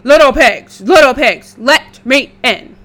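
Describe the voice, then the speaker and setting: A woman voicing a greedy, boastful wolf who makes loud, menacing demands. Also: sits high, lively intonation, slow pace, heavily acted.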